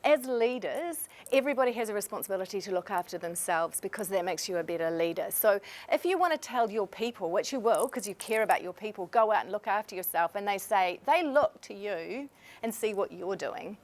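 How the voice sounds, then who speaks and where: A woman's voice: medium pitch, animated, fairly quick. A woman speaking earnestly and persuasively in a leadership webinar, now and then moved with emotion. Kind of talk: motivational webinar talk.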